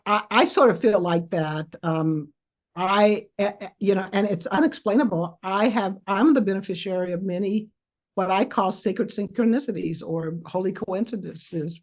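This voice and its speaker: Thoughtful lower-voiced woman author. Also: darkish tone. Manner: thoughtful, hesitant, with many fillers. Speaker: author and podcast guest. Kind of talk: conversational interview.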